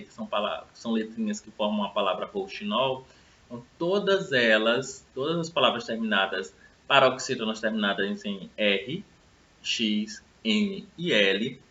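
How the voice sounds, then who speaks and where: A man's voice: mid-range voice, sharp tone. A man teaching a recorded grammar lesson to students, friendly and explanatory, often checking in with tag questions. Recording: roomy, slightly dull sound.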